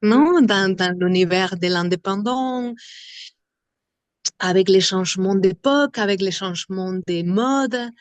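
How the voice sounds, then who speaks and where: A woman from Argentina with an Argentine Spanish accent, a Spanish native speaker, talking slowly in an interview about her vocal workshops and searching for words often. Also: medium pitch, no room sound. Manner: halting, searching for words, many fillers. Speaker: singer and vocal workshop leader.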